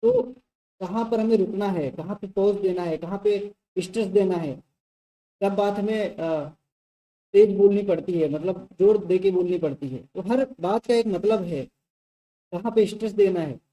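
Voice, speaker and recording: A woman's voice: mid-range voice, normal speed, dark tone, low-quality recording. A woman teacher giving a conversational exam-prep lecture, checking in with listeners often and explaining through spoken examples.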